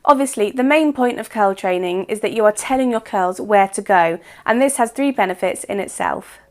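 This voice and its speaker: A woman with a croaky voice, chatting to camera in an instructive hair-care vlog. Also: medium pitch, expressive, normal speed, darkish tone. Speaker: hair vlogger. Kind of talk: explanatory beauty vlog talk.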